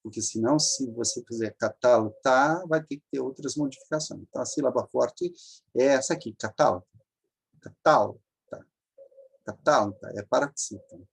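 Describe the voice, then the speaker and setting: A man's voice: medium pitch, a little fast, creaky, breathy edge. A man teaching an online grammar lesson, patiently explaining step by step, repeating forms and checking in with the listener.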